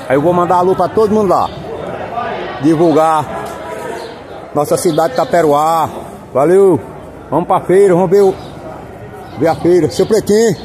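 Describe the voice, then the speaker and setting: High-pitched Northeastern Brazilian man amid a crowd. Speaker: vlogger. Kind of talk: casual walk-around market commentary. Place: busy covered open-air street market. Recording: outdoor crowd noise behind. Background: market crowd.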